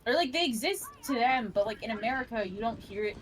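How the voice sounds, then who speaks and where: A woman's voice: fairly high pitch, expressive, fast talker. A young woman doing chatty, rambling color commentary on a college esports match. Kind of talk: live casual color commentary.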